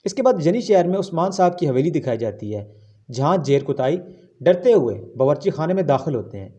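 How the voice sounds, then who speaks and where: A man narrates a drama recap with a lively, swinging delivery. His voice sits a little high, with a warm, dark tone. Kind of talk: scripted story recap.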